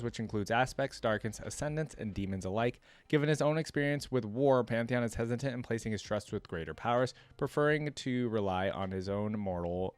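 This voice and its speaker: A man with a medium-pitched voice reads game lore aloud like a streamer reacting, adding casual, offhand commentary. The recording is dry.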